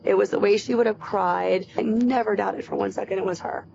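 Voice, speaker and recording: A woman interviewee with a gravelly voice telling an intense personal story. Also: medium pitch, fairly even intonation, brisk, a little mellow, lo-fi sound, a little hiss or hum. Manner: intense storytelling, acting out voices in her account. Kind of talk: emotional personal account.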